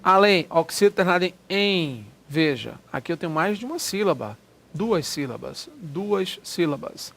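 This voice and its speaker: A man's voice: fairly high pitch, lively intonation, fairly bright tone. A man explaining exam grammar questions, stretching key words and checking in with listeners often. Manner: explanatory, drawn-out stressed words, frequent "né?" checks. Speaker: Portuguese grammar teacher. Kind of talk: exam-prep lecture walking through test questions.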